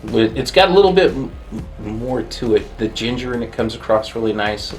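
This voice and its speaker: A man's voice: medium pitch, animated, a little fast, faint music behind, rough recording. A man co-hosting a fragrance review, giving his opinions in a casual, conversational way.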